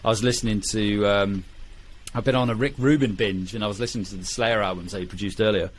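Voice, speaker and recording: A man's voice: on the low side, steady tone, quick pace. A man with a British accent hosting a music production podcast, chatty and prone to digressions, with frequent ums and restarts. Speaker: podcast host. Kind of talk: casual podcast interview.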